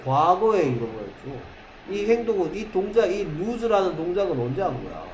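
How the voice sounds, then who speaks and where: A man teaching an English grammar lesson in a classroom, quizzing students with constant questions and reading English examples slowly, word by word. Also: sits high, sing-song, darkish tone, faint music behind. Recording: echoey classroom with faint noise.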